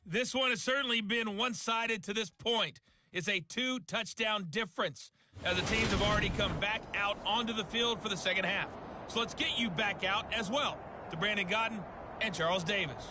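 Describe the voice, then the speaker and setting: High voiced actor doing a guy hosting a football game halftime show, lots of noise behind him. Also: normal speed, close to an everyday voice. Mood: upbeat presenting. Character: upbeat male TV halftime show host. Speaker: halftime studio host. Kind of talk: scripted sports broadcast presenting.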